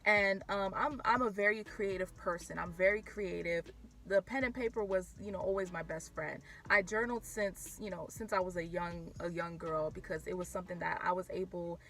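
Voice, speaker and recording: A young woman vlogger, born in Haiti and raised in Florida, shares her personal faith story in a casual, candid vlog, with many fillers and restarts. Her voice is fairly low in pitch and fairly bright in tone.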